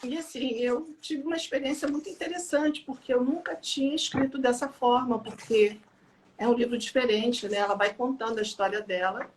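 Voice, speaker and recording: A woman, an author telling lively anecdotes about her book and laughing as she goes. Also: on the high side, normal speed, a little hiss or hum. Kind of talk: casual storytelling talk.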